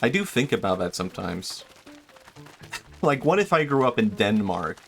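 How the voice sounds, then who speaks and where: Over soft background music, this gaming streamer talks at a normal pace in a gravelly, sing-song voice on the low side. He's a young man chatting loosely and musing aloud, with plenty of fillers, sentences that trail away, and frequent restarts.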